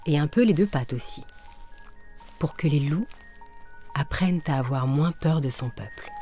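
A woman narrating a children's story in a gentle, measured way. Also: low voice, animated, soft background music.

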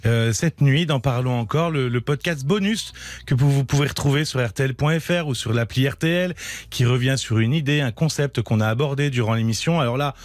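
French male radio co-presenter, medium pitch, informal, close dry studio sound. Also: brisk, no room sound. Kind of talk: informal on-air announcement. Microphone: close studio microphone.

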